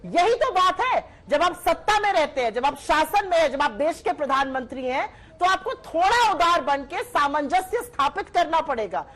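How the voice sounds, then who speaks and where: Female political spokesperson, very high voice, combative debater. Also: lively intonation, fairly bright tone. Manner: combative, rapid-fire accusations. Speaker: party spokesperson. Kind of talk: TV debate argument.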